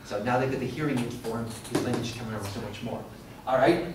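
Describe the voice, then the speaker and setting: A middle-aged man leads a live workshop, talking interactively and putting questions to the audience. His voice is medium-pitched and fast. The sound is echoey and distant, recorded in a classroom or lecture room with faint noise.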